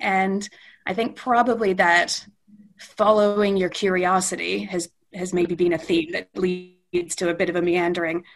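This interview guest is a middle-aged woman from Western Canada with a fairly low, gravelly voice. She talks unscripted, musing and drifting between points. Self-corrections come often.

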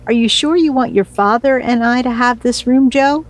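An actress playing a cheeky mother in her sixties, wry and lively. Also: a little high, normal speed, close to an everyday voice. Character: cheeky newly retired mother.

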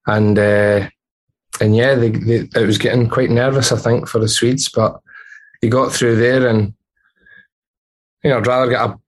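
A man co-hosting a football podcast, talking through a match in a measured, analytical way. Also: on the low side, poor audio. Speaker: podcast co-host. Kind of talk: casual podcast chat.

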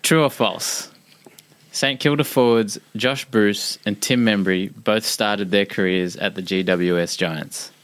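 A man's voice: on the low side, unhurried, fairly bright tone. A man co-hosting a casual sports quiz podcast in an easygoing way. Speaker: podcast co-host.

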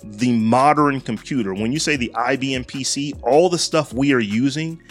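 A man's voice: medium pitch, normal speed, faint music behind. A middle-aged man hosting a casual podcast. He reads a spotlight segment from his notes and breaks off into slangy, joking asides. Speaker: podcast host.

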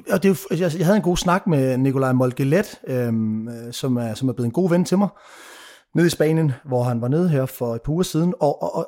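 A man in his thirties speaks with real passion in a relaxed podcast conversation. His voice sits somewhat high for a man, and he pushes his points hard, swears freely and slips into English phrases. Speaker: mentor and guest.

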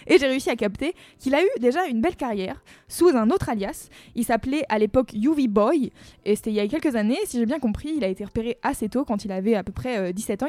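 A woman's voice: fairly high pitch, mellow, no room sound. A woman hosting a music show, chatting casually and enthusiastically about a track, with many fillers. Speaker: music radio host.

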